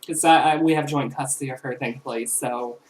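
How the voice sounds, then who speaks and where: Low-voiced woman in her twenties. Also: fairly even intonation, a little fast, darkish tone, poor audio. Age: 20s. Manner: chatty, rambling, with fillers and self-corrections. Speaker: vlogger. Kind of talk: casual chat to camera.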